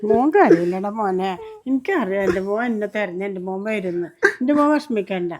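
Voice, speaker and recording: A woman's voice: mid-range voice, sing-song, fairly quick, darkish tone, highs cut off, natural voice. Woman playing a tender forgiving mother. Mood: consoling. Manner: soothing, coaxing, calls her son "my pearl". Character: loving forgiving mother of grown sons. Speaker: actor in a family web series. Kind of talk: melodramatic web series acting. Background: background music.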